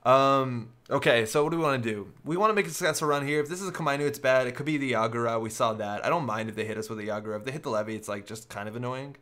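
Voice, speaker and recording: A man's voice: mid-range voice, racing, hardly any pauses, fairly bright tone. A man giving live, casual commentary on a card game, thinking aloud as he works through each play step by step.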